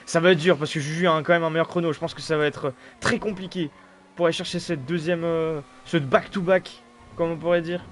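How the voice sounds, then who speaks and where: A man's voice: on the high side, fairly even intonation, brisk. A man giving casual live motorsport commentary, calling each overtake as it happens. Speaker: esports motor racing commentator. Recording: clear background noise, vehicle sounds.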